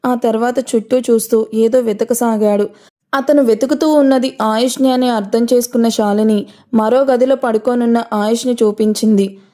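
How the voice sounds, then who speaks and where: Brief: woman audio-story narrator, steady and even, slightly high, warm mellow tone.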